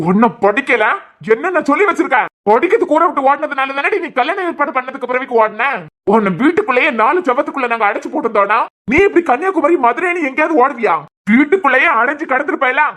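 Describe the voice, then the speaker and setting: A woman's voice: sits high, lively intonation, quick pace, a bit bright. A woman voicing a vengeful, jealous young man in a cartoon series, speaking with a Kanyakumari Tamil accent in a threatening, taunting way. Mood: menacing.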